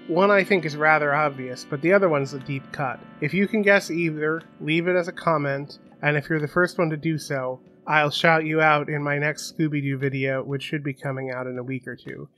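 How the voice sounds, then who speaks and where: A man's voice: fairly high pitch, moderate pace, hardly any pauses, pushed and bright. Chatty man explaining, faint music behind. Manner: chatty, explanatory, asks rhetorical questions. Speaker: paleontologist video host. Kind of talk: casual educational commentary. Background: faint funky background music.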